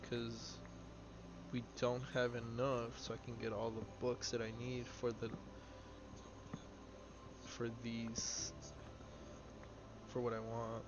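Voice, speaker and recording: A man's voice: mid-range voice, completely flat delivery, slow pace, pauses often. A twenty-two-year-old man chatting casually on a live game stream, rambling with lots of fillers as he answers viewers. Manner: rambling, filler-heavy, answers chat offhand. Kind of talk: casual live-stream chat while playing. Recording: slightly dull audio with clear background noise.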